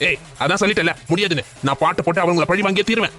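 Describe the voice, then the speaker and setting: A man's voice: high-pitched, racing, bright, forceful tone. A man doing a brash drunk cartoon father. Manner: brash, mocking, defiant. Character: drunk, boastful middle-aged father.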